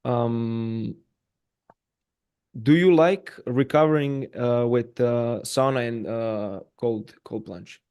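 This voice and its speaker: A man hosting a casual podcast interview, halting and full of fillers and repeated words. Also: mid-range voice, a little mellow, clear, resonant tone.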